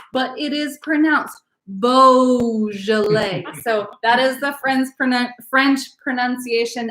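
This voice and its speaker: A woman's voice: high voice, a bit bright, reverberant, rough recording. A woman teaching a live online wine class, chatty and bubbly, with many fillers. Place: home room, live video class.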